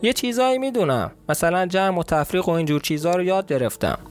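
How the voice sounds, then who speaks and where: A man's voice: high-pitched, lively intonation, pitched above the performer's own voice. A bewildered, polite orphan boy with a southern Iranian accent, timid and apologetic, as a man puts on his voice. His voice is raised well above the reader's own, with faint music under the storybook reading.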